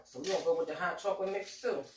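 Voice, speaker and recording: Talking very fast in a voice on the low side, a fortyish woman with a slight cold hosts a casual, chatty cooking vlog from her home kitchen and addresses viewers as y'all. There's background noise, plus roomy kitchen echo from a camera mic a few steps off.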